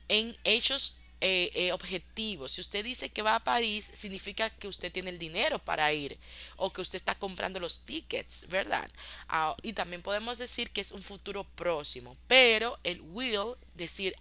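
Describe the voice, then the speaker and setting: A woman English teacher reviewing a course, explaining in Spanish and modelling English examples slowly. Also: medium pitch, bright, forceful tone. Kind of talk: online class review.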